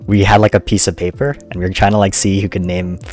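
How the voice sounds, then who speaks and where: A young man co-hosts a podcast in relaxed casual chat, chuckling between remarks. His voice is low and even. Soft music sits faintly behind him. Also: quick pace. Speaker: podcast co-host.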